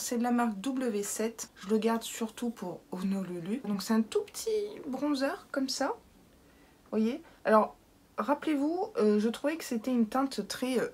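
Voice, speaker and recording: A woman's voice: mid-range voice, darkish tone, a little hiss or hum. A woman with a French accent chatting casually and playfully as a beauty vlogger, reviewing her makeup collection. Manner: chatty, playful, self-mocking with invented words.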